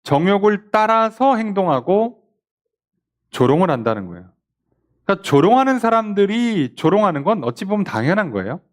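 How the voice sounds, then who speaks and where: Animated male pastor teaching Bible study. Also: high-pitched, normal speed. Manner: animated, asks the class questions and mimics scoffers. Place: church.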